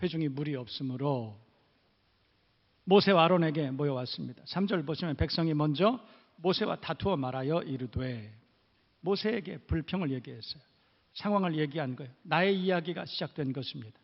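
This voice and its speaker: A man's voice: on the high side, lively intonation, moderate pace, gravelly, in a large hall, muffled recording. A male pastor preaching a sermon in a church, emphatic, with repeated rhetorical questions. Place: church sanctuary.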